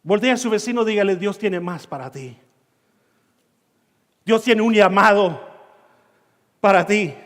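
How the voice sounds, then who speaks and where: A man preaching a sermon, telling a personal story and acting out his own shouts and dialogue, in a church hall. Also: high-pitched, expressive, measured pace, long pauses. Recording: long reverb of a church hall.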